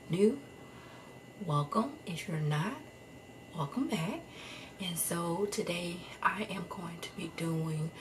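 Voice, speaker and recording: A woman with a low voice talks to her viewers in a relaxed, chatty vlog style, explaining her work from home as an HR case manager. She sits a little away from the mic, with faint room ambience behind her. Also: distant mic, noisy background. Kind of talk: casual vlog talk to viewers.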